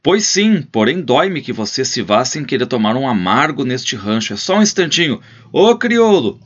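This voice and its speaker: A man voicing a talkative, hospitable old rancher who insists loudly, in a storybook reading. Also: on the high side, very animated, moderate pace, breathy edge, pitched above the performer's own voice, exaggerated voice. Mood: insistent, booming. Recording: slightly muffled lo-fi recording.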